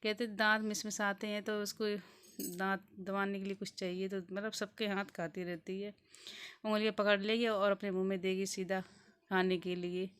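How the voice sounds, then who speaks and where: Smooth-voiced woman, rambling vlog narration. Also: medium pitch, flat delivery, moderate pace, dry recording. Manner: rambling, many fillers and restarts. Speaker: vlogger, mother. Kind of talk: casual home vlog voice-over.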